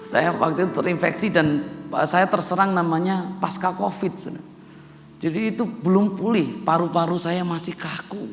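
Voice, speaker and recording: A man's voice: high-pitched, moderate pace, soft background music. A middle-aged man from Java, preaching a sermon to a congregation, addressing them again and again and building to emphatic peaks. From Java, Indonesia. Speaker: pastor. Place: church hall. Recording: long church reverb, faint instrument behind.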